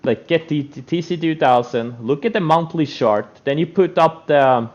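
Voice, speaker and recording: A man's voice: a little high, moderate pace. A man giving an unscripted motivational trading rant, speaking in a blunt, emphatic and repetitive way. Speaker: stock trader giving trading advice. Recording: dull, lo-fi microphone sound.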